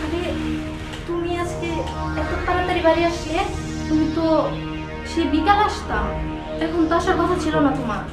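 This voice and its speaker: A woman acts out a domineering, scheming wife in a melodramatic short film. Her voice sits extremely high and she scolds imperiously. The room echoes and music plays behind her. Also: moderate pace, pauses often, far from the mic. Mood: sweet, nervous. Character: scheming, bossy wife bullying her male servant.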